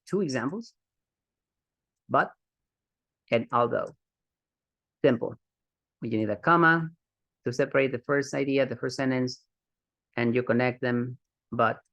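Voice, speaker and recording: A man teaching an advanced English grammar lesson to online learners, in a mid-pitched voice. He keeps an upbeat tone and repeats key terms to drive them home. The recording is close and dry. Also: creaky, fairly bright tone, no room sound.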